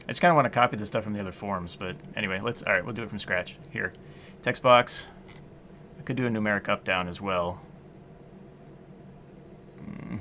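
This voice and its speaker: A streamer in his late thirties talks a little fast in a lowish, bright, forceful voice, pausing often, with slight background noise. Coding at his computer, he chats casually, murmuring to himself, responding to viewers, and chuckling frequently.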